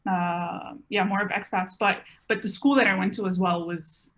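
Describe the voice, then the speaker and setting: Young woman rambling on a podcast, lots of "like", mid-pitch, easygoing chat. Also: steady tone, normal speed, a bit bright. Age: 20s. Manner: chatty, rambling, many "like" fillers. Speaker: podcast guest. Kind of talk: casual conversation.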